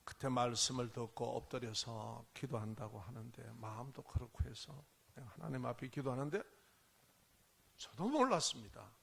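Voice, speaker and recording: Gravelly, dramatic preacher man. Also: medium pitch, moderate pace. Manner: dramatic storytelling, swinging from hushed whispers to loud bursts. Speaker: pastor. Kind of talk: sermon with personal testimony.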